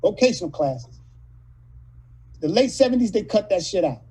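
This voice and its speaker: A man in his late fifties from California, telling rough, profane stories as a guest in a casual interview. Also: high voice, very animated, moderate pace, dark tone, a little hiss or hum, rough recording. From California, USA. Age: 50s. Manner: profane, rambling, street-talking storyteller. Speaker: actor guest.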